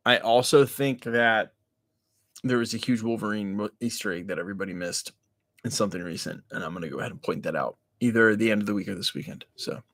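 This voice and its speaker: In a slightly bright, low-leaning voice, a male streamer talks quickly through a late-night broadcast, reading viewer comments and answering them. His style is loose, profane, and heavy on slang, full of joking rants, with "y'all" and "bro" for his viewers. There's no echo on the audio.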